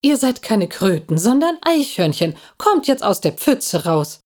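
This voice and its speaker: A woman's voice: medium pitch, very animated, unhurried, darkish tone, voice pushed up. A woman doing an exasperated mother squirrel. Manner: scolding, exasperated.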